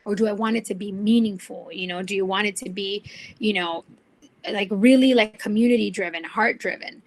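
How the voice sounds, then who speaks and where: A young woman, a journalist guest, talking casually and telling animated stories with lots of quoted dialogue. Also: mid-range voice, fairly quick, low-quality recording. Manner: chatty, animated storytelling with quoted voices. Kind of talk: casual video-call talk.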